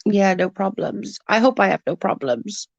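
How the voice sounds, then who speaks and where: Congested and coughing, with a voice that's beginning to fail, a female livestream host chats casually and greets her live viewers by name. Her mid-range voice is expressive and gravelly, moving at a moderate pace. The dry recording sounds muffled.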